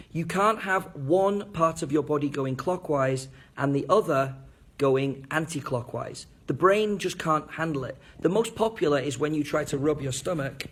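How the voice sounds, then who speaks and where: A man's voice: a little high, breathy edge. A man giving an enthusiastic video lesson on intonation, demonstrating rising and falling tones with his own voice. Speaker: teacher trainer.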